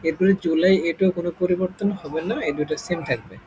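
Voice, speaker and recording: A man's voice: high voice, fast talker, noisy background. A man teaching English in a casual online lesson, explaining step by step and often checking whether the students follow.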